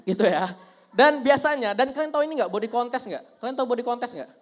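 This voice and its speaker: A man's voice: extremely high pitch, fast talker. Teasing young stand-up comedian, man. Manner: lively, teasing, talks to the audience.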